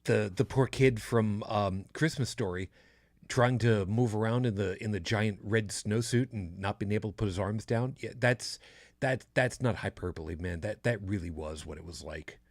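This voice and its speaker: A man in his fifties hosts a podcast in a casual, rambling chat full of restarts and fillers. His lowish voice keeps a moderate pace in a studio-quality recording free of room sound.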